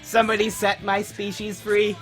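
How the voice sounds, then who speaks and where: A man's voice: high voice, completely flat delivery, normal speed, over music, close to an everyday voice, poor audio. A man voicing a robotic alien postal worker in a stiff robot voice, beeping and booping, as improv on a podcast. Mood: deadpan robotic. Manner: stiff robot voice with beep-boop noises. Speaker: podcast host. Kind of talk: comic improv during casual podcast chat.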